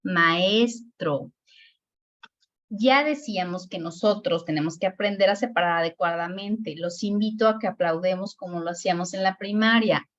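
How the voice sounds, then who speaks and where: Mexican woman teaching a spelling lesson. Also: mid-range voice. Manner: explanatory, repeats words slowly to show stress. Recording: dull lo-fi recording.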